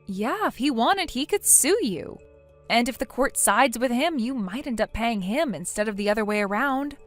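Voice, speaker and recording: A woman's voice: a little high, lively intonation, normal speed, faint music behind, natural voice. A synthetic female voice playing a blunt friend who lectures in a stern tone. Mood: scolding.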